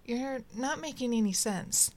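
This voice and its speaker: A woman voicing a calm, bewildered woman who answers gently in a read-aloud story. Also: fairly high pitch, unhurried, voice pushed up, lightly acted. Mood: puzzled, calm. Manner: mild, bewildered replies.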